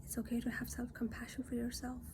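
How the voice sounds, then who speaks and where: Gravelly woman, softly earnest. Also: fairly high pitch, monotone, fast, background noise. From Nepal. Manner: earnest and reassuring, drifting into soft near-whispers. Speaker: self-reflection vlogger. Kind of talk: casual reflective monologue.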